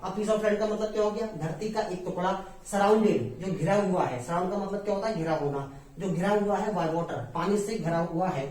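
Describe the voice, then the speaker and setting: A woman with an Indian accent teaching English vocabulary in Hindi, explaining each word slowly and asking her students questions again and again. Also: mid-range voice, warm tone. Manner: explains slowly in Hindi with English words, often asks and repeats. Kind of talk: online English lesson. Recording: very echoey room, far from the mic.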